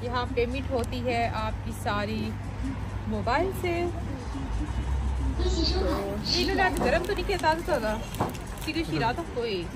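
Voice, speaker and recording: A woman's voice: sits high, takes it slowly, pauses often, loud music behind the voice. A young woman from Pakistan, chatty and upbeat, narrating a casual vlog to a phone held at arm's length on a city street at night. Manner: chatty, upbeat, talks straight to camera. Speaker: vlogger. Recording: loud street noise.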